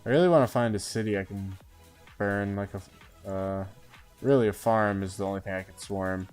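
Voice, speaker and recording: Smooth low-voiced man streaming a game. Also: normal speed, darkish tone, faint music behind. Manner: chatty, thinking aloud with many "uh" and "right?". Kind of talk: casual live gameplay commentary.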